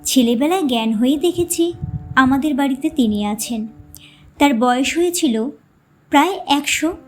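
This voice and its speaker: A woman narrating a short story in a calm, measured reading. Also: high-pitched, slight background noise. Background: soft background music.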